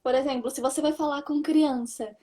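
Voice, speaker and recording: A woman hosting a casual interview, talking in a lively, chatty way over a video call. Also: high voice, a little fast. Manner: lively, chatty, tags phrases with "né". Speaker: host.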